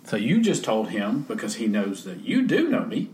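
Lowish-voiced man telling folksy faith stories. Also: huge pitch swings, moderate pace, slight background noise. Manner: folksy storyteller who acts out quoted speech softly. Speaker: guest. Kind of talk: casual faith conversation.

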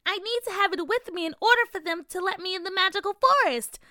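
A woman's voice: very high-pitched, fast, pushed and bright, dry recording, clean studio sound, pitched above the performer's own voice. A woman voicing a tiny, flustered female fairy queen who frets and squeals. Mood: fretful. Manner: fretful, squealing exclamations.

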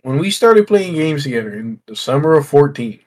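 A young man co-hosting a podcast, chatting casually with friends in loud, matey, sweary banter. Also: on the high side, very animated, a little fast. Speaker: podcast co-host. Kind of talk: casual chat among friends.

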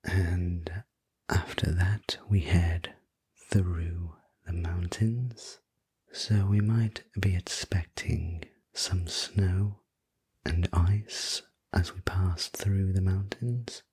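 A courteous male night conductor acted out by a man in a whispered role-play sleep story. His low voice is very breathy and soft, with a soothing, polite delivery. He takes his time and stays even and attentive throughout, like a sleep story narrator. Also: very slow, heavily acted. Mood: soothing, welcoming.

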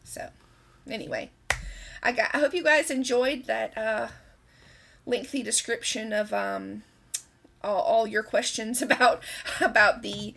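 A woman's voice: a little high, steady tone, measured pace, vocal fry, pauses often, a bit bright, slightly rough. A woman hosting a podcast, talking casually as she explains things. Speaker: podcast host.

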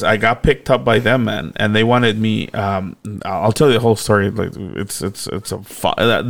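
A man's voice: mid-range voice, a bit bright. A young man casually telling a long personal story, rambling and laughing often.

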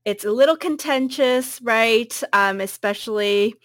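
A woman with a fairly high, fairly bright voice co-hosts a podcast, talking at a measured pace about a book she recommends. Her chat is casual, full of ums, likes and frequent laughter, in a dry, clean studio recording.

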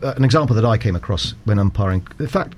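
A man working as a cricket umpire, explaining rules in a measured, formal way as an interview guest. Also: lowish voice, expressive, a little hiss or hum. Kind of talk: conversational interview.

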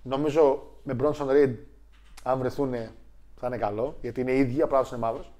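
A young man co-hosting a casual chat, animated and joking, who laughs often and mimics other people. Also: mid-range voice. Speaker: co-host.

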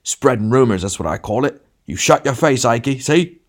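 A man voicing a coarse, bullying big man in an audiobook, loud and shouting. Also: medium pitch, lively intonation, normal speed, pitched above the performer's own voice, lightly acted. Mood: angry, threatening.

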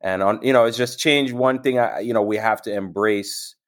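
A man co-hosting a podcast, chatting in an animated, excitable way that turns reflective. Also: lowish voice, normal speed. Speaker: podcast co-host. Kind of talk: casual podcast chat.

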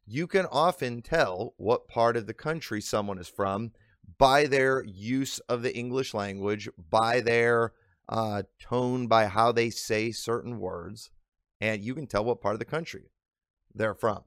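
A man, a pastor hosting his own podcast, teaches in a relaxed conversational monologue at a mid-range pitch. He is earnest, circles back and restarts his sentences, and slows down on the words he wants to stress. The sound is dry and close, with no room echo. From Illinois. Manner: earnest, with frequent restarts and drawn-out emphasis.

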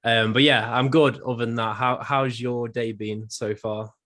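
A man's voice: medium pitch, steady tone, unhurried, fairly bright tone. A young man hosting a casual podcast, nasal from a cold, chatty and self-deprecating with lots of fillers. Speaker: podcast host.

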